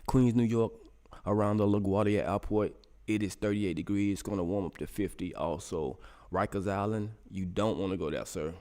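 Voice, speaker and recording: A middle-aged host with a voice on the low side, a moderate pace and a slightly mellow quality reads out weather on a casual live radio stream for his chat. He keeps things loose with jokes and talks to himself during his search.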